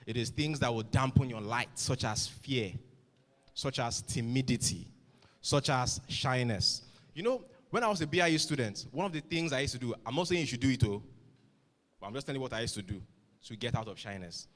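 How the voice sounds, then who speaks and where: A man's voice: mid-range voice, lively intonation, a little fast, in a large hall. A middle-aged man giving an emphatic motivational address to students, full of rhetorical questions. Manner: emphatic, rhetorical questions, swings loud and soft. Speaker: motivational speaker.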